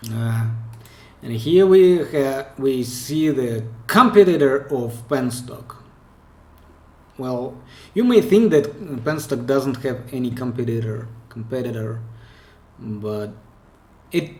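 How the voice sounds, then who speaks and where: A man with a Russian accent gives relaxed commentary on viewer clips. He talks at an unhurried pace and often breaks off to restart a phrase. The sound has the echo of a bare room. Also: medium pitch. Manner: chatty, hesitant, restarts mid-phrase. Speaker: pen spinning channel host. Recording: echoey room.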